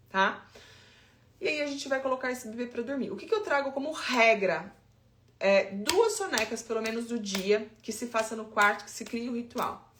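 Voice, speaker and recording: Speaking in an echoey room, a Brazilian Portuguese-accented woman in her thirties offers informal advice as an infant sleep consultant. Her pitch is fairly high with vocal fry, and she talks to her listeners in a chatty, emphatic way.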